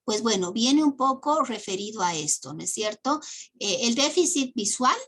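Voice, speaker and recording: A woman's voice: fairly high pitch, lively intonation, moderate pace, a bit bright, husky. A woman teacher giving an online class lecture, explaining step by step with many "eh" fillers and "¿no?" tag questions.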